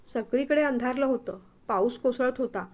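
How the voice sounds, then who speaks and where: A woman storyteller reads an emotional tale aloud in an expressive, emotive way. Her voice sits high. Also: moderate pace. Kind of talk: storybook narration.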